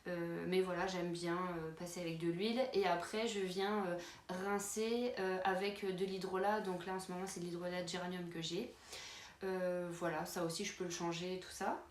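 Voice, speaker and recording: A woman's voice: lowish voice, flat delivery, normal speed. A woman vlogger chatting casually through her travel toiletries, with many fillers and restarts. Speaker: beauty vlogger. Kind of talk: casual product walkthrough. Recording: roomy with faint background noise.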